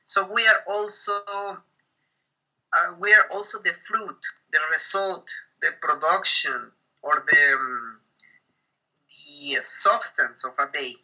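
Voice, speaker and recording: A man whose first language is K'iche' speaks as an interview guest and explains ideas slowly, pausing to find his English words. His voice is high and very bright. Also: low-quality recording. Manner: slow, searching for English words, patient explaining. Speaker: Maya spiritual guide, guest. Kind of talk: teaching interview over a call.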